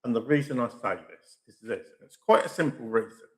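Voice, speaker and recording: A man's voice: mid-range voice, a little fast. A man hosting a live stream, giving his casual opinions on football with a chatty manner and frequent "okay"s. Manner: chatty, lively, repeats "okay" often. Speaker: host of a live stream channel.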